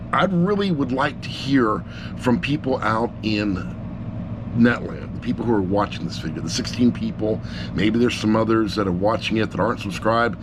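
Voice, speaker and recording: A middle-aged man reviewing audiobooks as an amateur speaks casually and without a script, rambling in a blunt, self-mocking way. His voice is mid-range, and the action camera on his laptop catches a noisy background.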